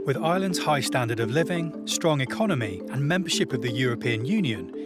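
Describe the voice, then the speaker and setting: A man's voice: medium pitch, expressive, fairly quick. A man reading scripted documentary narration. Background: loud music.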